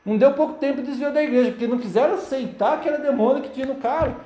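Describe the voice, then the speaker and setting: A man's voice: extremely high pitch, rapid-fire, mellow, echoey room. A man preaching a sermon and telling his own story, acting out the voices of demons and people. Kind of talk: sermon testimony.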